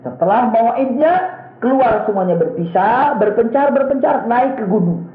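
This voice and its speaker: Guy preaching a story, high voice, acts out the characters, sounds tinny like a phone in an echoey room. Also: moderate pace. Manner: animated, acts out characters with raised pitch, chuckles often. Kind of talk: storytelling sermon.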